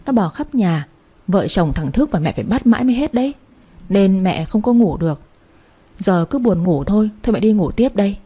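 A woman reading the part of a sleepy elderly mother-in-law, calm and drowsy, in a spoken story. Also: medium pitch, normal speed, husky.

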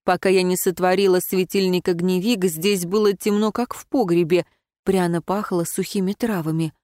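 A woman reading first-person fiction aloud in an expressive, emotional way. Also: lowish voice, normal speed, no room sound, clean studio sound. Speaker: audiobook narrator.

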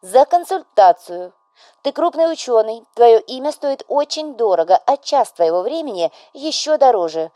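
Woman doing a bossy dramatic widow mom, loud and high, nagging her son, audiobook. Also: big pitch swings, normal speed, no echo, clean studio sound. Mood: scolding, tragic. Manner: scolding, pressing, melodramatic. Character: overbearing widowed mother, fussy and dramatic.

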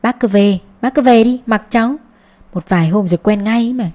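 A woman's voice: fairly high pitch, moderate pace, mellow, lightly acted. Woman doing a chatty old-fashioned male schoolteacher. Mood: genial. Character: genial middle-aged male village schoolteacher, talkative.

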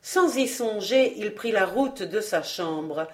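A woman narrates a classic novel as an audiobook reader, telling the story in a measured, even way with a mid-range voice.

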